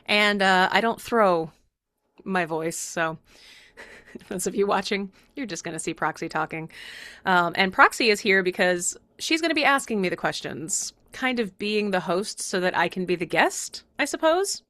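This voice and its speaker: A woman's voice: medium pitch, animated, moderate pace, pushed and bright, no echo. Chatty woman podcaster, dry sound. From Virginia. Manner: chatty, rambling, laughs often. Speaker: podcast host and channeler. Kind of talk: casual podcast monologue.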